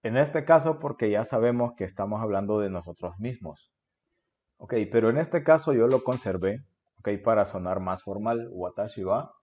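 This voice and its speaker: A man's voice: lowish voice, mellow, lo-fi sound. A Honduran man in his forties with a Honduran Spanish accent, patiently explaining a beginner language lesson and often checking in with "ok?". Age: 40s. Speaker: Japanese teacher.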